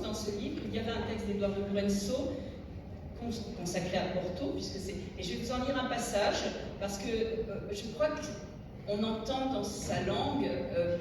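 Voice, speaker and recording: A French woman, middle-aged, speaks at a tribute in a measured, reflective way, often pausing to find the right word. Her voice sits at an ordinary pitch and carries a heavy echo from a large hall. The mic is far off, and steady noise runs underneath. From France. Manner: reflective, searching for words. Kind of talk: public talk with readings. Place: large echoey hall at a public event. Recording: echoey hall, distant mic, noisy.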